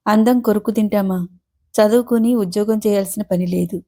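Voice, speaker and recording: A woman's voice: medium pitch, fairly even intonation, brisk, dark tone, lightly acted. A woman voicing a pushy middle-aged father with a coaxing, insistent manner, read from a storybook. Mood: pleading.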